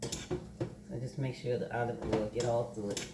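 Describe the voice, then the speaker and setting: Older lady cooking at home, talks slow and hums over her food, echoey kitchen, pots clanking. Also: rumbling low, little pitch movement, heavy background noise. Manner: chatty, savoring food with hums. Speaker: cooking vlogger. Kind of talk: casual cooking vlog. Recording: echoey kitchen with clattering dishes.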